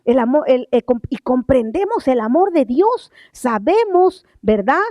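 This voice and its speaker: Older female preacher, emphatic, slow scripture reading, dry close sound. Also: high voice, big pitch swings, dry recording. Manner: emphatic, rising on key words, then drops to soft asides; reads scripture slowly and deliberately. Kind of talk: sermon. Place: church sanctuary.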